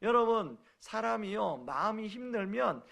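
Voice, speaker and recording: Male pastor, high voice, earnest sermon delivery in a church. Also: lively intonation, moderate pace, gravelly, fairly bright tone. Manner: earnest preaching, acts out quoted lines. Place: church sanctuary.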